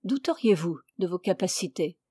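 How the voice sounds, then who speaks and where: A woman's voice: on the low side, expressive, normal speed, warm tone, slightly rough, no echo, clean studio sound. A woman reading as a pushy bourgeois lady. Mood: probing. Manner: insistent, probing questions. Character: pushy flirtatious middle-aged bourgeois lady.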